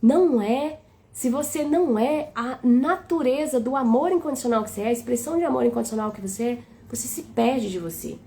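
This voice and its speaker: High, creaky-voiced Brazilian woman speaker. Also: animated, fairly quick, warm tone. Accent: Brazilian Portuguese. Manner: flowing, tender, repeats "né?" often. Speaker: spiritual speaker on a live stream. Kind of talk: heartfelt live spiritual talk.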